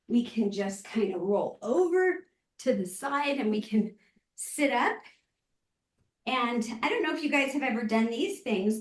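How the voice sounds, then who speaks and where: Echoey, higher-voiced woman leading stretches. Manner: gentle, encouraging, easygoing guidance. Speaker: fitness class host. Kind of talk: casual guided stretching instruction. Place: indoor room, live online exercise session. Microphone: camera microphone at a distance. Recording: echoey room, distant microphone.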